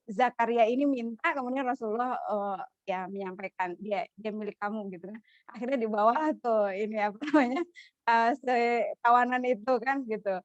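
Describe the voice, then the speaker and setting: A woman's voice: fairly high pitch, no echo, lo-fi sound. A woman casually retelling a religious story, chatty, with many fillers and frequent laughs.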